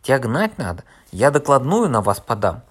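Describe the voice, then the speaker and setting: A fat, pompous official scolds at full volume, his voice pushed up high and loud, as a male audiobook reader puts him on. He is outraged and bureaucratic, threatening written complaints in a storybook reading. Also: fairly quick, natural voice.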